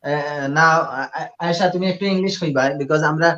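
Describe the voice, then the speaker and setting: A man's voice: fairly high pitch, moderate pace, pushed and bright. Sylheti man teaching over a dull call. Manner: patient, drills sounds for repetition, mixes English in. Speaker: Quran teacher. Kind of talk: live online recitation lesson. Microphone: video call. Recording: dull lo-fi video call audio.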